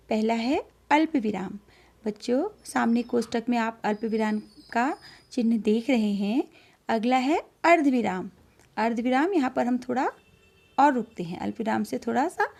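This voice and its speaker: A woman teacher giving an online lesson to children, explaining slowly and speaking to them directly, with a filler now and then. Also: a little high, a little mellow.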